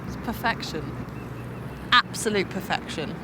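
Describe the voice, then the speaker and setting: A woman's voice: medium pitch, animated, measured pace, background noise. A woman presenting a travel documentary, talking casually to the camera.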